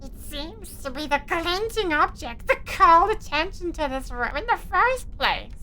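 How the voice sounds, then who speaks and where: A woman voicing a perky, squeaky narrator as she reads horror game text aloud. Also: big pitch swings, moderate pace, pushed and bright, a little hiss or hum, exaggerated voice. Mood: perky reading. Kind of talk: dramatic reading of game text.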